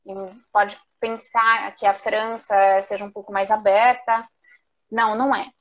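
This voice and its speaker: Over a remote video call, a Brazilian Portuguese-accented woman shares personal stories as a live online interview guest. Talkative and expressive, she speaks conversationally at a measured pace in a mid-range voice, and the sound is lo-fi.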